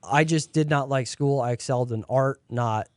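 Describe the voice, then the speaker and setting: A young man talks as a guest on a college radio show, lively and storytelling, laughing often. His voice sits in a middle register, recorded close and dry in the studio. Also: mid-range voice, moderate pace, no room sound. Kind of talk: casual on-air chat. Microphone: studio microphone.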